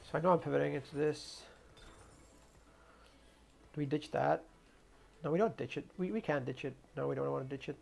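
A man streaming a strategy game, thinking aloud about his moves in low mutters with sudden excited outbursts. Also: gravelly. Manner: mutters plans to himself, quick bursts of surprise. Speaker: gaming streamer. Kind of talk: gameplay commentary, thinking aloud.

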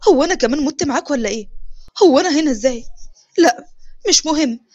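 A woman's voice: high voice, expressive, quick pace, a little mellow, no echo, muffled recording. A woman with an Egyptian accent voicing a young woman, eager and tearful after waking. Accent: Egyptian Arabic.

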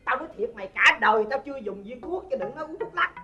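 A fussy, nagging older mother, acted by a woman in a stage comedy sketch, speaking with a Southern Vietnamese accent. Her voice runs high, bright and fast as she scolds and exaggerates. The recording sounds slightly dull, with faint music behind her. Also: expressive. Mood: scolding. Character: fussy, picky older mother judging brides.

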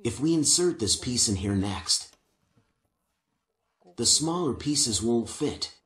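An older man giving calm, patient, step-by-step woodworking instructions in a workshop, on a lapel mic. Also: mid-range voice, slow pace, roomy sound. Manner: calm, patient, methodical explanation.

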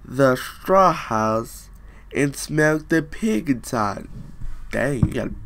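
A young man reads a fairy tale in a small room close to his webcam, his mid-range voice expressive, slightly bright and slow-paced, with slight background noise. It's a comedic reading full of slang jokes and riffing tangents.

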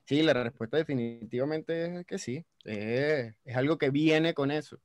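A young Venezuelan man as a podcast guest, telling stories in an animated, slangy way with casual swearing. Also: a little high, normal speed, dry recording. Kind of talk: casual chat.

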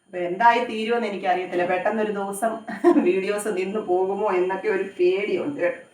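A woman cooking at home and rambling to the camera, often tagging her sentences with little check-ins. She sits at a middle pitch for a woman. She sounds a step back from a phone mic in an echoey kitchen. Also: steady tone, quick pace, darkish tone. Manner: rambling, conversational, often adds tag questions. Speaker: cooking vlogger. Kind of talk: chatty home cooking vlog. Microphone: phone camera some distance away. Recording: echoey room, voice from far off.

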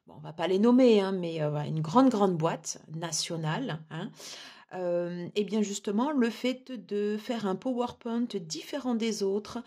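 A woman talks through a tarot deck in a chatty, casual review. Her voice is husky and sits at a middling pitch. She fills her speech with hesitations and restarts. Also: unhurried, mellow. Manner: chatty, many fillers and restarts.

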